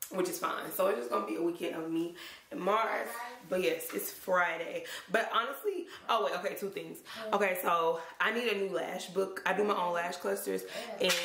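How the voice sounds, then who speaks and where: Hoarse young woman with a low, creaky voice. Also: fairly bright tone. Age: young adult. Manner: informal, slangy. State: hoarse, losing her voice; worn out. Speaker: vlogger. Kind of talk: casual vlog chat to camera. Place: bare indoor room. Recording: echoey room, clear background noise.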